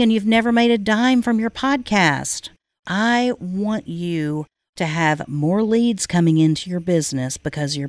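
A woman's voice: fairly low pitch, no room sound. Woman, solo podcast host, direct and emphatic coaching tone, dry close-miked sound. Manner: direct, emphatic, pushes listeners with repeated points.

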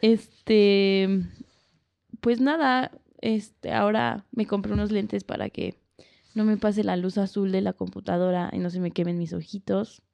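Gravelly-voiced young Mexican woman. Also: mid-range voice, fairly even intonation, measured pace, darkish tone, dull audio. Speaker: podcast co-host. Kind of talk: casual chat.

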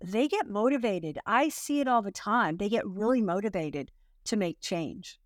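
A woman's voice: medium pitch, animated, moderate pace, no room sound, studio quality. A woman hosting a health podcast, talking through a list of points and backing up her guest. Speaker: podcast host. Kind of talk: casual podcast interview.

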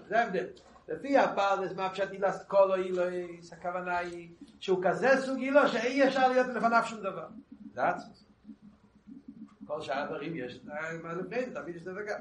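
A man's voice: sits high, far from the mic. Man teaching text in an echoey room. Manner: halting, repeats words and restarts, asks and answers rhetorical questions. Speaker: Torah teacher.

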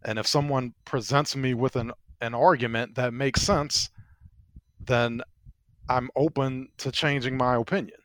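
A man's voice: mid-range voice, fairly bright tone, dry recording. Man, podcast co-host, reflective, laughs easily, dry close sound. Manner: reflective, self-deprecating, laughs often. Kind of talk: casual political podcast chat.

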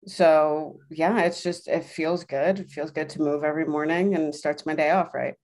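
A woman's voice: low voice, fairly even intonation, normal speed, darkish tone. A woman speaking as a podcast guest, casually telling her own story in an interview.

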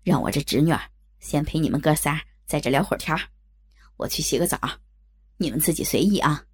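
A woman voicing a smooth-talking middle-aged male boss in an audio story, with an easygoing, coaxing manner. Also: low-pitched, brisk, pitched below the performer's own voice.

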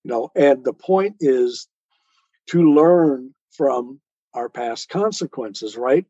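This poet and author, appearing as an interview guest, talks in a conversational, earnest, explanatory way. His mid-range voice is expressive, slow, dark, and slightly rough. The lo-fi recording is dry and dull.

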